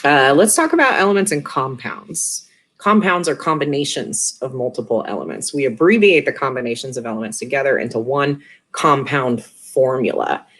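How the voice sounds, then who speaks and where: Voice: mid-range voice, expressive, moderate pace, a bit bright. Casual chemistry teacher recording a video lesson. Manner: casual, with offhand joking asides. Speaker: high school chemistry teacher.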